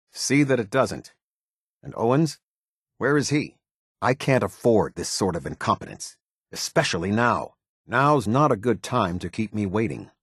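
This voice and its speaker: A video game voice actor plays a stern, demanding middle-aged American military captain, delivering scripted commander dialogue in clipped orders. His low, husky voice is formal and authoritative, its pitch moving widely, and he sounds stern and impatient. The recording is close and dry with no echo.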